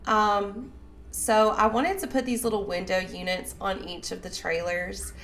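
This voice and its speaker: A young Southern woman with a Southern American accent, sick and raspy-voiced, chatting loosely over a game build with lots of fillers. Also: mid-range voice, fairly even intonation, a little slow, fairly bright tone. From Southern United States. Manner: rambling, chatty, many fillers. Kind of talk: casual voice-over commentary.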